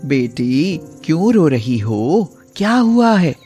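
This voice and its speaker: A woman voicing a kindly old village woman who gives firm, encouraging advice in an animated moral story. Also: sits low, faint music behind, voice pushed down, full character voice. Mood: concerned. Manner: slow, encouraging, emphatic.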